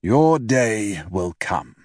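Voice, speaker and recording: A man voicing a frail, wry old retired doctor with a raspy voice and dry, unhurried replies. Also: lowish voice, sing-song, a little mellow, no echo, pitched above the performer's own voice, full character voice. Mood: reassuring.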